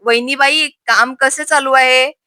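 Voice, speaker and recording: A woman's voice: high voice, moderate pace, sharp tone, no room sound, studio quality. A woman voicing a cheerful, teasing young man who jokes with his friend's wife. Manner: teasing, playful.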